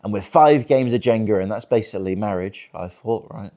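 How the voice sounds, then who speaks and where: A man's voice: lowish voice, a little fast, mellow. A man in his twenties doing crude, teasing crowd work as a stand-up comedian in a virtual-reality show. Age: 20s. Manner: crude, teasing, laughs often.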